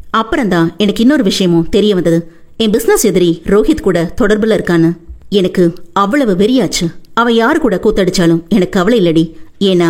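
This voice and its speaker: A woman's voice: medium pitch, a little mellow, natural voice. A woman voicing a hot-tempered but doting young husband in an audiobook, coaxing and boastful.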